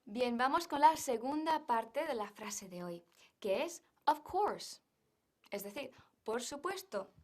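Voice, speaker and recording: A woman's voice: on the high side, animated, takes it slowly. A woman teaching an English lesson, drawing out words carefully in pronunciation drills. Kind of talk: language lesson.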